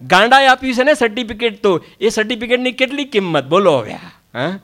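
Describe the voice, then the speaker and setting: High-voiced man giving a discourse. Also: big pitch swings, fairly quick, fairly bright tone. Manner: frequent questioning interjections to listeners; repetitive, emphatic teaching with proverbs. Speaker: Jain spiritual lecturer. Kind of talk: Gujarati religious discourse.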